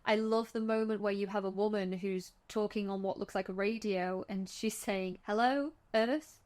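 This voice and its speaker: Woman on a movie podcast, talks at a middling pitch, chatty, keeps restarting sentences as she recaps scenes. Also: little pitch movement, moderate pace, darkish tone. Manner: chatty, restarts often, vivid retelling. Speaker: podcast co-host. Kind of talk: casual film discussion.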